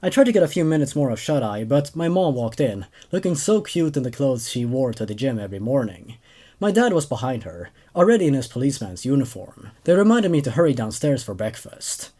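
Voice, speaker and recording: With a dark tone and a brisk, sing-song delivery at medium pitch, this twenties-aged man reads horror tales aloud as host and narrator. His casual remarks about the stories are hesitant and full of repeated words.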